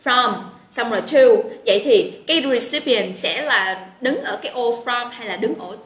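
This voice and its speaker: On the high side and a bit bright, her voice is animated yet paced normally, carrying a Southern Vietnamese accent. She chats encouragingly through a live online English vocabulary class, calling students' names, with roomy echo and faint noise in the audio.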